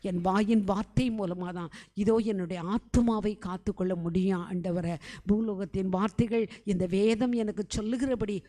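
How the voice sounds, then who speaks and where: A woman's voice: medium pitch, normal speed, mellow. Woman prayer leader, fervent pleading prayer, repetitive calls to God. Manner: fervent, pleading, repeats phrases to the crowd; often calls out to God between phrases. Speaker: prayer leader at a revival meeting. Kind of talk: leading a congregation in spoken prayer.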